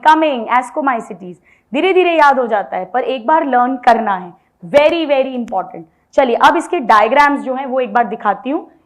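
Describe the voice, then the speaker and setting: A high-pitched woman teaching biology in an unhurried, deliberate way. She drills memory tricks and has her students say the names back to her, switching freely between Hindi and English terms. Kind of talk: online exam-prep lecture.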